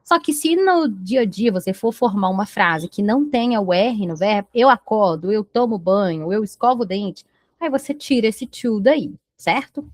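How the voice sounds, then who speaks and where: A woman with a Brazilian Portuguese accent teaching an English lesson, switching between Portuguese and English and slowing down to model each word. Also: mid-range voice, expressive, dry recording, studio quality. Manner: slow, careful modeling of English pronunciation. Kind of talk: bilingual language lesson.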